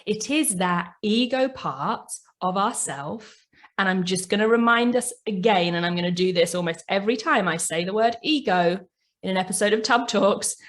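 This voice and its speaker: A woman hosting a reflective self-help podcast. She talks gently and often checks in with "right?". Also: medium pitch. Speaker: podcast host and coach.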